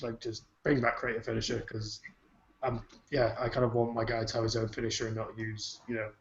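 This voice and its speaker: A man's voice: mid-range voice, monotone, brisk, crowd noise. A man co-hosting a podcast, rambling in casual chat with plenty of swearing and fillers. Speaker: podcast co-host. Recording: dull, roomy podcast recording.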